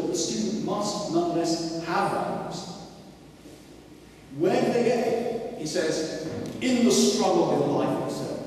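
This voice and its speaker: A man's voice: fairly high pitch, a little mellow, slight background noise. A man giving an academic lecture, digressive and full of restarts and asides. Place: lecture hall. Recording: echoey lecture hall, mic at a distance.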